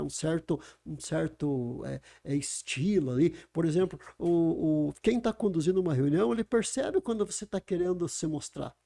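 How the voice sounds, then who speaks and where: A man's voice: sits high, creaky, mellow. A man explaining how to speak well. He talks in an emphatic, teaching way and asks rhetorical questions. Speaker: communication speaker. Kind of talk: conversational explaining. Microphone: podcast microphone.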